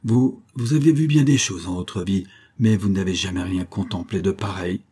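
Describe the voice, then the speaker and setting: A man voicing an excited freed convict who talks in a breathless, exalted, urgent way. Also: low voice, moderate pace, husky. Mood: overjoyed.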